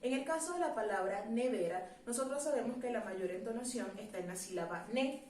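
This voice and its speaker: A woman teacher explaining a grammar lesson in a clear, measured classroom manner, asking rhetorical questions. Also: on the high side, lively intonation, darkish tone, reverberant, recorded from a distance.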